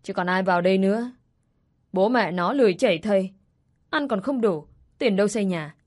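A woman's voice: medium pitch, brisk, a little mellow, close to an everyday voice. A woman voicing a grumbling, scolding older rural mother in a story reading.

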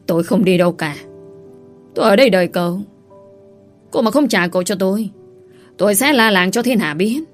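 A woman voicing a scheming young pregnant village woman who wails and pleads loudly. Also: mid-range voice, a little fast, long pauses, faint music behind, lightly acted. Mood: wailing. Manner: loud, wailing, pleading.

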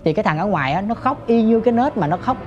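A man telling a ghost story, dropping to hushed murmurs and jumping to sudden shouts, talking straight to his listeners. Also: high voice, lively intonation, racing, dull audio. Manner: addresses listeners directly.

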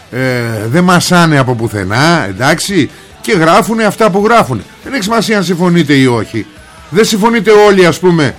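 A man's voice: fairly high pitch, fairly bright tone. A man hosting a radio show, retelling a news story in a colloquial, rambling way with joking asides to his listeners.

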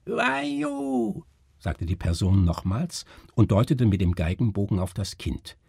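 A man narrating a literary story in a measured, expressive way. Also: deep voice, husky, no echo. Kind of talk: literary audiobook reading.

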